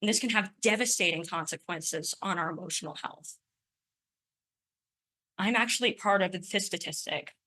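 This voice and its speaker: On the low side in pitch but bright and forward, a young woman in her twenties gives a prepared personal talk as a conference speaker. She moves at a normal speed and pauses often, pushing on past stuttered sound repetitions with earnest emphasis.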